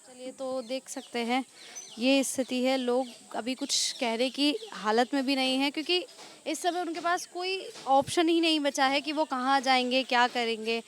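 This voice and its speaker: A woman reporter questioning people on the spot at an outdoor site. Her voice sits high and her questions come short and pressing, one follow-up after another. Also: normal speed, fairly bright tone. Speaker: field reporter. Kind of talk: on-the-spot news interviewing.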